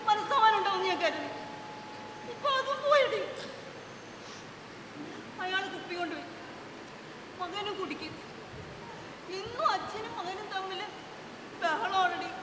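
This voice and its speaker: A woman's voice: extremely high pitch, background noise. A woman acting a troubled working mother in an amateur stage drama, pleading and breaking into sobs. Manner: pleading, breaks into shouted sobbing. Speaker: stage actor. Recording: echoey hall, far from mic, loud crowd.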